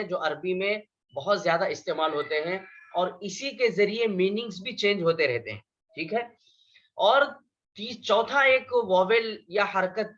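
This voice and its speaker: A man's voice: high voice, a bit bright, highs cut off. A man teaching a beginners' Arabic class, explaining patiently, repeating points and asking his students questions. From India. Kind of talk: beginner language lesson.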